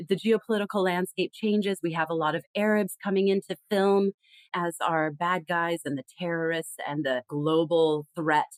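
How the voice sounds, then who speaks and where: On a podcast, a female guest with a voice on the low side talks about communication in a conversational interview, telling her stories in an emphatic, expressive, lively way. There's no room sound, though the audio is poor.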